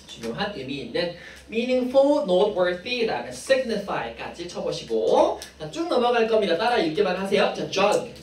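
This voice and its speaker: A woman teaching an English vocabulary class, explaining each word briskly and adding playful asides to her students. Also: mid-range voice, sing-song, a little mellow. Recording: echoey classroom from far off.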